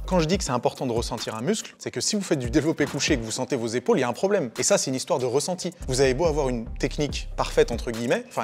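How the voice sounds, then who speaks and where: A man who coaches fitness, talking fast and confidently as he gives quick, blunt opinions in a relaxed way. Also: medium pitch, slight background noise. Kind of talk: quick-fire opinion answers.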